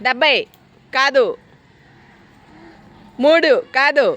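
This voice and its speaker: A woman teacher running a number guessing game with her pupils outdoors, giving brisk commands and mixing in English phrases. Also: sits high, steady tone, sharp tone. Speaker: school teacher.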